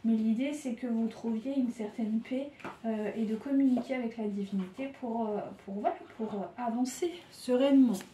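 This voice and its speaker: A woman with a fairly high voice gives a tarot reading while fighting a cold. Her nose is blocked and she sounds feverish and worn out, stumbling through her words with fillers and restarts. The room is echoey, with a faint hiss underneath. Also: normal speed, warm tone. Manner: hesitant, many fillers and restarts. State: feverish and tired. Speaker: tarot reader.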